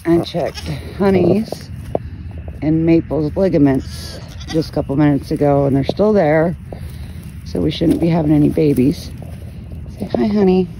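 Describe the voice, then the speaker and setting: Low, gravelly woman filming her goats. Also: measured pace. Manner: chatty, laughing, coos at animals in a higher voice. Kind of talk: casual phone vlog narration. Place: outdoors in a farm pasture at sunset. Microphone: phone held while filming. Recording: outdoor phone audio with background noise. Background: goats and outdoor ambience.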